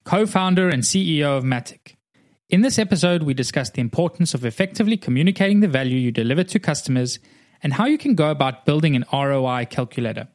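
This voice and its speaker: Male podcast host, dry booth sound, medium pitch; clear scripted read of ads and intros. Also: no room sound. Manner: clear, deliberate read; slowly spells out web addresses.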